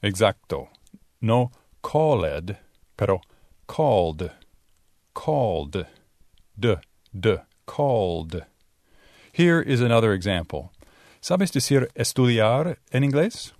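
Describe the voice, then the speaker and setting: A man teaching English pronunciation in a bilingual lesson, drawing out sounds slowly to demonstrate them. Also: on the low side, very animated, a little mellow, no room sound, clean studio sound. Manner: slow, exaggerated demonstration of sounds. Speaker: Spanish-speaking English teacher.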